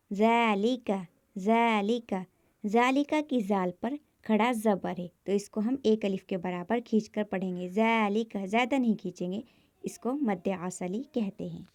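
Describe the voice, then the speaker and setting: A woman teaching a step-by-step Quran recitation lesson with a Pakistani Urdu accent, slowly drawing out each example word and patiently repeating the rules. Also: mid-range voice, dark tone, no echo, clean studio sound.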